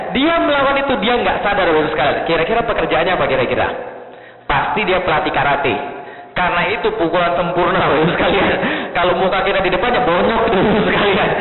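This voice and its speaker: High-voiced, fast-talking male preacher in an echoey hall. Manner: jokey, keeps quizzing the crowd with rhetorical questions. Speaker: Islamic preacher addressing a seated audience. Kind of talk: lively lecture to an audience. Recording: tinny phone-like sound in an echoey hall.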